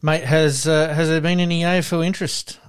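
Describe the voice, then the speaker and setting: A man's voice: a little high, steady tone, a little fast, clean tone. An Australian man co-hosting a casual sports interview, asking questions and thanking the guest.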